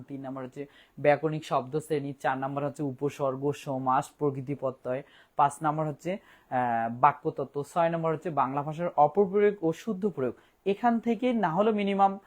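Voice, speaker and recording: A man teaching an online Bangla grammar class, slowing down to spell words out letter by letter, with fillers and restarts. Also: a little high.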